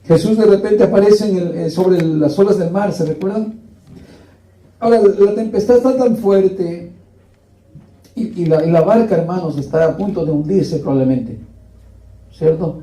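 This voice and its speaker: A man's voice: high-pitched, moderate pace, long pauses, dark tone. Male preacher, sermon delivery, rhetorical questions to the brothers; distant mic in a roomy, echoing church. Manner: rhetorical questions to the congregation, addresses listeners as brothers. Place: church hall. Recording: echoey room, distant mic.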